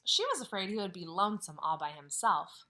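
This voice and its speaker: A woman's voice: on the low side, a little fast. A woman teaching kindergarten from home, reading a story aloud and asking questions she then answers. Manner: animated, asks questions and answers them herself. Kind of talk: read-aloud lesson for young children.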